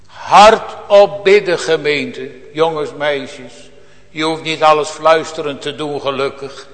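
A man preaching a sermon to his congregation, with a fervent, drawn-out cadence that drops suddenly to soft, quiet phrases. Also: sits high. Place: church. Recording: long church reverb.

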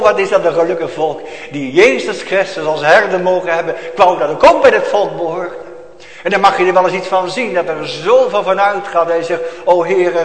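A man preaching a fervent sermon as pastor, with hushed, drawn-out passages. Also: fairly high pitch. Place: church. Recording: echoey church hall.

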